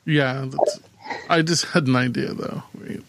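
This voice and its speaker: A man's voice: medium pitch, fairly even intonation, unhurried, very noisy. A man co-hosting a casual TV rewatch commentary, chatting in a joking, rambling way. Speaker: co-host of a TV rewatch show.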